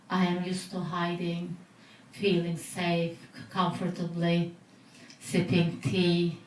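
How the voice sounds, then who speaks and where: A woman recites her poetry slowly and deliberately in a slightly low voice. She is recorded from a distance in a roomy bar, and a faint hum sits under her words. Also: darkish tone. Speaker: poet. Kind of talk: poetry reading. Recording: roomy, distant mic with noise.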